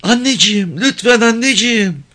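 A man's voice: lively intonation, moderate pace, sharp tone, exaggerated voice. A man voicing a frightened six-year-old girl who pleads and begs in a storybook reading. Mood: pleading. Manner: high-pitched, pleading.

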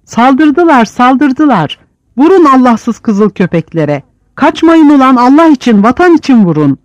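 A man voicing a panicked male prisoner in a brawl, shouting frantic, crude curses in an audiobook. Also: extremely high pitch, big pitch swings, measured pace, dry recording, highs cut off, voice pushed up, exaggerated voice. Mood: frantic yelling.

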